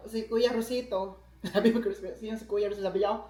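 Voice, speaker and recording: A man's voice: high voice, fairly even intonation, brisk, darkish tone. A man from the Philippines vlogging in a casual, chatty way, often turning to his viewers with asides. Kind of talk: casual vlog chat. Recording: roomy echo.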